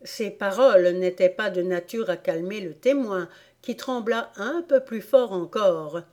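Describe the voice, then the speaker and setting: Woman narrator, storybook audiobook, slow unhurried pace, mellow tone. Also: medium pitch. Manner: calm, unhurried reading. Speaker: audiobook reader.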